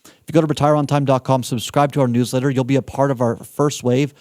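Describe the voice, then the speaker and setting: A man hosting a retirement planning webinar, talking casually with animated asides and quick restarts. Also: medium pitch, no echo, studio quality. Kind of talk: casual advice talk.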